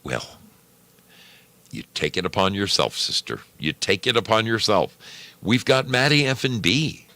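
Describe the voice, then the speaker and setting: A man's voice: on the low side, expressive, unhurried, gravelly, bright, forceful tone, no echo. A man hosting a livestream from a garage, chatting casually like a folksy showman and repeating his phrases for effect. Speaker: host of an old time radio programme livestream. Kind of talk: casual livestream chat, greeting viewers. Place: garage with a heater running.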